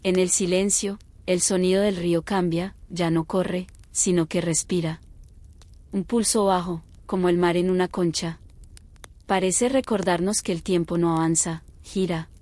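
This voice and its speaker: Quiet, mellow woman narrating at night. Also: on the low side, fairly even intonation, a little slow, no echo. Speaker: narrator of bedtime stories. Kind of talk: slow scripted bedtime story narration.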